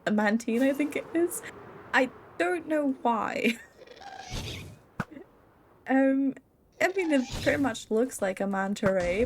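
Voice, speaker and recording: A woman's voice: mid-range voice, slight background noise. A tired young woman giving casual, rambling gameplay commentary, giggling often and poking fun at herself. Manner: giggly, rambling and self-deprecating. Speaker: Minecraft let's play creator.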